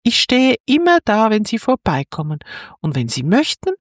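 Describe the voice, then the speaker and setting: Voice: medium pitch, wildly swooping pitch, normal speed, no echo, studio quality, voice pushed up. A narrator voicing a small young fir tree in a storybook reading, eager and questioning. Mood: resolute.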